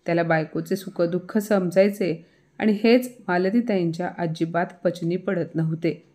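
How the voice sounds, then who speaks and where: Low-voiced woman telling a moral story. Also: dark tone. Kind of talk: scripted story narration.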